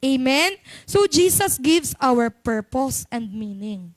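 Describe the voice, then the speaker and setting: Young Filipino woman, church speaker, high-pitched, chatty and teasing, dry mic. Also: very animated, slow, no echo. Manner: chatty, playful, mixes English into Filipino. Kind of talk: sermon.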